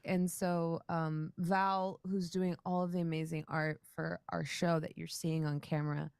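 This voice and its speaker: A woman's voice: deep voice, gravelly, a little mellow, dry recording, clean studio sound. A woman game master chatting casually in a livestream Q&A, rambling and laughing often. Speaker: game master and show creator.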